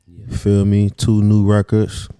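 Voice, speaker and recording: A man hosting a casual radio interview, relaxed and full of slangy banter. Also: on the low side, slow pace, smooth. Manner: laid-back slangy banter, lots of "word" and "bro". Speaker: radio show host.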